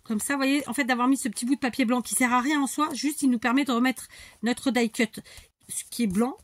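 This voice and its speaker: A woman's voice: sits high, fairly even intonation, fairly quick, no echo. A middle-aged woman chatting casually as she works through a scrapbooking tutorial, rambling and talking to herself, a bit stuffy. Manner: rambling, chatty, talks to herself while working. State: stuffy, needs to blow her nose. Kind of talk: casual tutorial chat while crafting.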